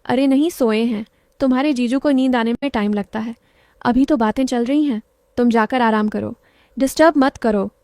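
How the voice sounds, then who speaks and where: A woman voicing a teasing, playful young wife with a brisk way of speaking, in a read-aloud story. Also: fairly high pitch, warm tone, no echo, studio quality, close to an everyday voice. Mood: irritated.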